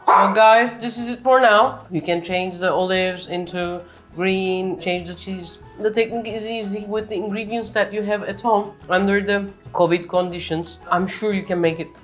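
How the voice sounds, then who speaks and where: A woman with a Turkish accent hosting a home cooking show, chatting warmly and directly to her viewers from her kitchen. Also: medium pitch, steady tone, normal speed, soft background music. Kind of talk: casual cooking demonstration.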